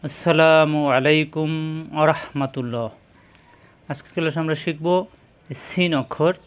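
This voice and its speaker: Slow, repetitive male Quran teacher. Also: a little high, clear, resonant tone. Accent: Bangladeshi Bengali. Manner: drills each syllable slowly and repeats it. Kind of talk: slow, deliberate letter-by-letter lesson.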